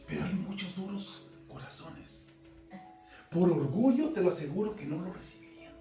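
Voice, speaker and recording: Preacher guy, high warm voice, fervent sermon, far off mic in an echoey church w soft music. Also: lively intonation, moderate pace. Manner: fervent, swings between loud emphasis and quiet asides. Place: church service. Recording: roomy church sound from a distant mic, faint music behind.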